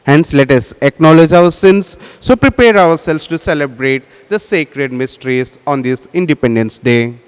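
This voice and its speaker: A priest, presiding at Mass and speaking into a church microphone in solemn, measured tones. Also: male voice, on the high side, smooth. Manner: solemn, measured liturgical intoning. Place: large cathedral, indoors. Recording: long reverb of a large cathedral.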